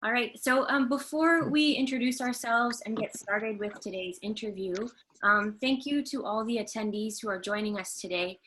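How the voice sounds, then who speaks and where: A woman's voice: on the high side, moderate pace, a bit bright, slight background noise. A woman from Canada hosting a video-call webinar interview, polite and a little hesitant with frequent fillers. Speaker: host and trainer.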